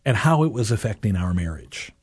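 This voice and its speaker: A man's voice: on the low side, sing-song, brisk, husky, dry recording, studio quality. A man, middle-aged, hosting a radio show in a casual, conversational style.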